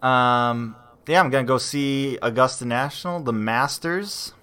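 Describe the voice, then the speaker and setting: A man co-hosting a podcast in casual chat, relaxed and rambling, with frequent fillers and restarts. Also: medium pitch, a little slow, clean tone. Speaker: podcast co-host.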